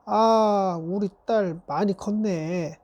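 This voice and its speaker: Woman doing a soft kind mom comforting her little girl, warm mellow tone. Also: medium pitch, drawn-out words, muffled recording. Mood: tender. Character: gentle caring mother praising her child.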